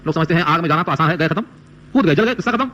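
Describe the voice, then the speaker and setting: High-voiced man giving a Quran lecture. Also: lively intonation, pushed and bright. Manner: recites Arabic verses, then explains them in Urdu with rhetorical questions. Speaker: Quran teacher.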